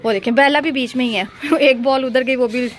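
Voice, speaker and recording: A young woman talks into her phone camera in a family vlog, light and fairly high in pitch. She chats casually, teasing and scolding as she goes. A faint hum of ambience sits behind her. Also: fairly even intonation, fairly quick. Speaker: family vlogger. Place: home and rooftop, outdoors at times.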